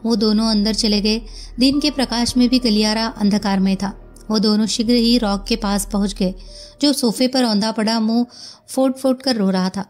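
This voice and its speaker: A woman narrating a detective story in a steady, formal reading voice. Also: on the high side, moderate pace, soft background music.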